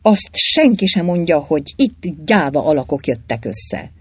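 A reader voicing a brash legionnaire who shouts his lines, in a storybook reading. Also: medium pitch, big pitch swings, slightly rough. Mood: blustering. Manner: shouting, blustering.

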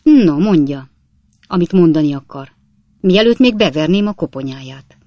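A man voicing a blunt young male servant who talks loud and threatening. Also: fairly high pitch, expressive, no room sound, lo-fi sound, natural voice. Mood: gruff.

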